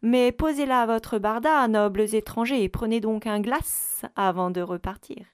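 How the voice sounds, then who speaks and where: Woman doing a lazy wry guy on a barge, dry mutters, slow, close dry sound. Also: fairly high pitch, clean tone, no echo, close to an everyday voice. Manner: dry, ironic remarks, often muttered.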